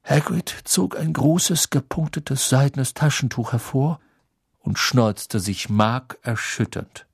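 A man reading a fantasy novel aloud as narrator, with expressive storytelling. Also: mid-range voice, takes it slowly, vocal fry, breathy edge, no room sound, clean studio sound. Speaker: audiobook narrator. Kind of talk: scripted narration.

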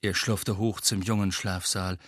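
A man with a husky voice narrating an audiobook in a calm, even storytelling manner. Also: sits low, measured pace. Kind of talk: scripted narration.

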